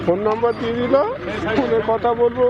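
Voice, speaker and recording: A man's voice: extremely high pitch, level tone, quick pace. A man, a local resident, answering a street interview in a repetitive, plain-spoken way. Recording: dull sound, busy outdoor crowd.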